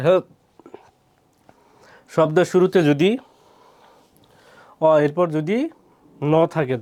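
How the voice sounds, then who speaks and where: A man from Bangladesh with a somewhat high, darkish voice gives a spoken lesson on pronunciation rules. He repeats himself often and poses questions that he then answers himself.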